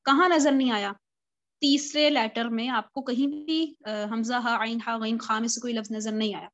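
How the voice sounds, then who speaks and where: High-voiced woman teaching over a video call. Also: fairly even intonation, moderate pace, fairly bright tone, highs cut off. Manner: patient step-by-step explaining, poses questions to students. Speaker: Quran recitation teacher. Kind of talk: live online class lecture.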